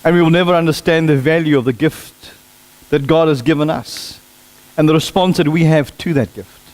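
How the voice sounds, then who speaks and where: A man with a South African accent preaching a sermon, an animated storyteller who acts out sounds and drops to a hush for emphasis. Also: on the high side, normal speed. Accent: South African English. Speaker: pastor. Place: church sanctuary. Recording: echoey church hall with long reverb.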